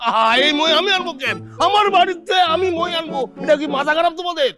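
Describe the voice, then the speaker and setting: Huffy dad yelling at neighbors, high voice, fast. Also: male voice, lively intonation, music in the background. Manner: blustering, shouting. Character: indignant middle-aged father guarding his daughter.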